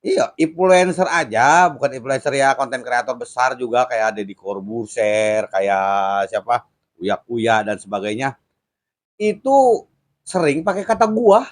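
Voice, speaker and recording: A man's voice: medium pitch, animated, a little slow. A man hosting a casual commentary chat, explaining points patiently and laughing at his own jokes. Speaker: host.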